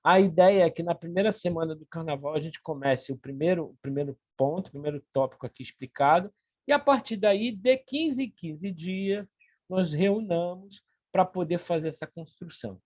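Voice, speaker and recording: A man from Brazil presenting a plan at an online meeting, earnest and halting, often repeating words as he goes. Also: fairly high pitch, darkish tone, dry recording, lo-fi sound. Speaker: meeting organizer.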